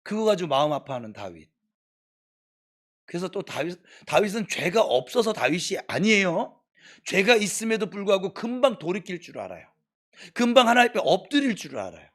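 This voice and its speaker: Lively, high-voiced preacher man scolding his flock. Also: brisk. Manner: exhorting, swings from soft to scolding shouts. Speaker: pastor. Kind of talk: sermon. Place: church.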